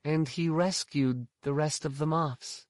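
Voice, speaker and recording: A man putting on a steady young Jedi woman. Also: on the high side, measured pace, no echo, clean studio sound, voice pushed up, lightly acted. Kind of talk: audiobook narration.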